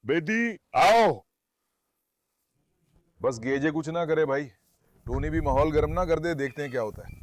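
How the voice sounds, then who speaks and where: Man calming dogs on a farm. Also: on the high side, no echo. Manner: soothing commands to dogs, chatty asides to viewers. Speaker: farm dog keeper and channel host. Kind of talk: casual vlog talk to camera and dogs. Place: outdoors on a farm. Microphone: clip-on mic.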